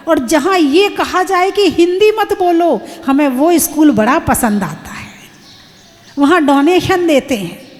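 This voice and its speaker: A woman's voice: extremely high pitch, big-room sound. A woman, a Jain nun, giving an emphatic sermon and putting rhetorical questions to her audience.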